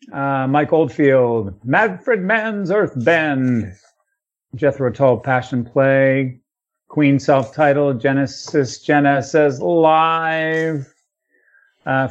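A man's voice: mid-range voice, muffled recording. A man hosting a podcast in a casual chat, rattling off long lists of albums with fillers and the odd swear word. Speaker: podcast host.

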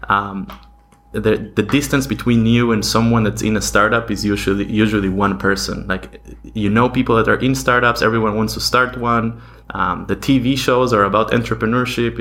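A man from Argentina, a podcast guest, answering in a thoughtful, steady way with frequent ums. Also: fairly low pitch. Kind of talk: interview answers.

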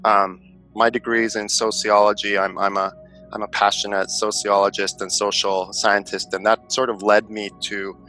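Middle-aged Finnish-born male investor guest, low bright voice, hesitant and reflective, faint music underneath. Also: rough recording. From Finland. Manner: thoughtful, many fillers and restarts. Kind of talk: conversational interview answers.

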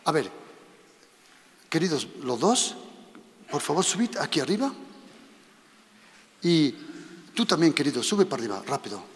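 A man from preaching a sermon, animated and repeating his instructions to the congregation. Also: fairly high pitch, unhurried, pauses often. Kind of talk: sermon with live demonstration. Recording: long reverb of a hall.

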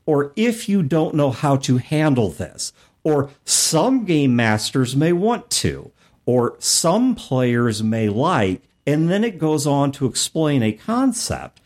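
A middle-aged man hosts a podcast of conversational commentary on tabletop gaming, speaking with emphasis and often listing words one by one for effect. His voice sits on the high side with a darkish tone.

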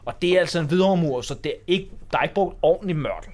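A man's voice: fairly high pitch, expressive, darkish tone. A man in his forties telling a school anecdote in a casual chat, acting out the people in the story. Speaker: podcast host.

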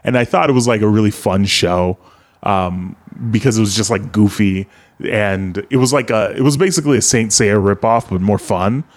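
A man's voice: lowish voice, moderate pace. A man chatting on a podcast in a loose, joking way, swearing casually as he talks. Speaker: podcast co-host. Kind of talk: casual chat.

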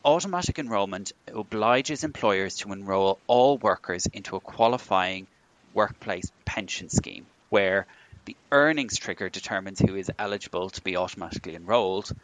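A man co-hosting a podcast, giving a steady, formal scripted summary of pension news. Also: deep voice, moderate pace, no room sound, rough recording. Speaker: podcast co-host.

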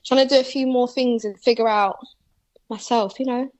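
A young woman from Malawi, raised in England, chatting casually as a rapper guest in an interview. She talks in a relaxed, slangy way and laughs often. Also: a little high, normal speed, no echo. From born in Malawi, raised in England.

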